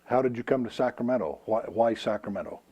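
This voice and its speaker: A man's voice: mid-range voice, fast, dark tone, husky. A man hosting an interview program, asking plain, direct questions. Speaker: host.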